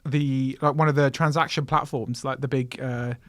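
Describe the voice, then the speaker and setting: A man's voice: mid-range voice, fairly even intonation, moderate pace, a bit bright, no echo, studio quality. A man co-hosting a podcast, easygoing and agreeable, chiming in with "yeah" and laughter. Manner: laid-back, agreeable, frequent "yeah" and laughs. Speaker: podcast co-host. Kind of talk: casual banter. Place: podcast studio.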